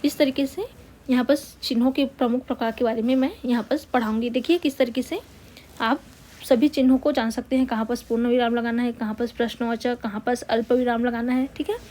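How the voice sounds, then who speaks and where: Woman, grammar teacher, slightly high voice, dictates word by word, rhetorical questions, faint hiss. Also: fairly even intonation, dark tone. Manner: patient, repeats key words and asks rhetorical questions; dictates slowly word by word while writing. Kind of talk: Hindi grammar lesson.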